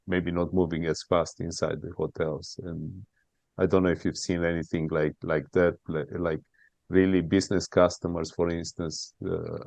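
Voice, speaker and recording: A man hosting a conversational interview, asking long questions in a hesitant, halting way. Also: low voice, creaky, a little mellow, no echo. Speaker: interviewer, host.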